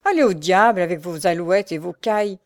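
A woman's voice: medium pitch, expressive, normal speed, a little mellow, no echo, studio quality, lightly acted. A woman voicing a proud young male knight in prison, haughty and curt. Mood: angry.

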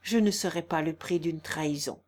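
A woman reading the part of a proud, gentle, resolute young woman in an audiobook, earnest and persuasive. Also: sits low, moderate pace, voice pushed down.

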